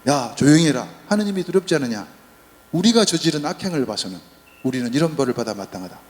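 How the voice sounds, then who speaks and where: A man voicing a repentant male criminal on a cross, who scolds roughly and then pleads humbly. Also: a little high, expressive, fast talker, a little mellow, natural voice. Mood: stern. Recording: long church reverb.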